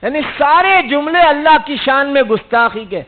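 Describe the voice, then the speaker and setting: A man preaches a sermon in a strikingly high voice, exhorting his listeners and pressing them with rhetorical questions. The recording is thin and narrow, like a phone line. He comes from India. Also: lively intonation. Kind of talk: religious sermon. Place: mosque gathering.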